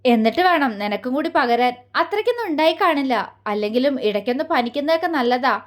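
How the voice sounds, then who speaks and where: A woman's voice: high voice, lively intonation, fairly quick. A woman voicing a cold, disapproving older aunt-in-law who gives orders, in an audio story. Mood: stern. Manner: cold, commanding, grudging.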